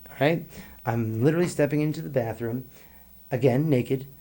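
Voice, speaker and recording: A man's voice: medium pitch, normal speed, warm tone. A middle-aged man, a guest on a podcast, telling a long story in a rambling, profane way and laughing between lines. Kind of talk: casual storytelling.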